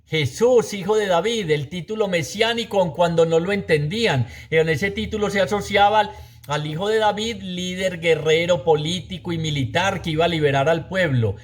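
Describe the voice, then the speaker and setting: A man's voice: on the high side, moderate pace. A man preaching a sermon, repeating phrases for emphasis and asking the audience rhetorical questions.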